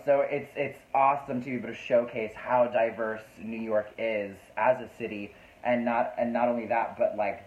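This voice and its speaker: A man's voice: medium pitch, reverberant, narrow, tinny audio. A man hosting a casual live-stream chat, flamboyant and talkative, reading out viewer comments. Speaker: host. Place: New York City.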